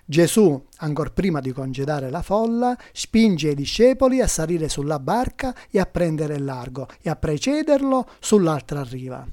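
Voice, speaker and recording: A man reading a gospel passage aloud and reflecting on it in a devout, measured way. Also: a little high, a little mellow, no room sound, clean studio sound. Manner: devout, measured, rising emphasis on key phrases. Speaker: lay presenter of a gospel reflection. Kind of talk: reading and preaching on scripture.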